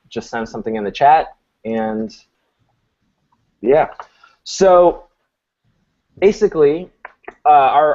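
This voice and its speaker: Laid-back man hosting a live call. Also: mid-range voice. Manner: relaxed, thinks aloud with restarts. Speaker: host. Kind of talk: casual live stream chat. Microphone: video call. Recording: muffled lo-fi audio.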